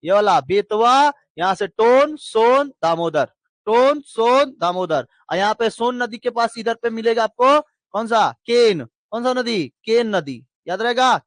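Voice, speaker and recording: A man teaching in a high, unhurried voice. He drills lists again and again in a sing-song chant and keeps asking if the class has understood. The recording is dry, with no room sound. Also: lively intonation, no room sound. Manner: repeats lists in a sing-song chant, asks checking questions. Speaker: geography teacher. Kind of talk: classroom lesson with drilling repetition.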